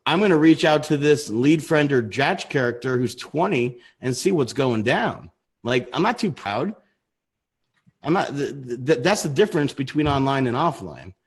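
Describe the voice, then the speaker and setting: A man's voice: medium pitch, animated, normal speed, husky. A man in his thirties co-hosting a casual livestream chat, rambling and restarting his sentences. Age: 30s. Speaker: co-host.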